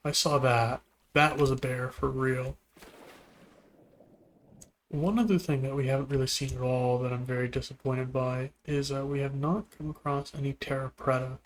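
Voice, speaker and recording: A man giving relaxed, musing commentary while playing a video game, now and then talking to things on screen. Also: medium pitch, moderate pace, a little hiss or hum. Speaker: gameplay video host. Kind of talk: casual gameplay commentary.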